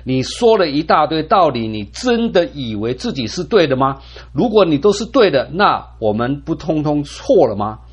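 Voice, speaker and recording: A brusque, impatient man with a quick temper, as a preacher puts him on, talking with a lively, jumpy pitch. The voice is husky, on a dull recording. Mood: impatient challenge. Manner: brusque, challenging. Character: hot-tempered impatient man confronting a friend.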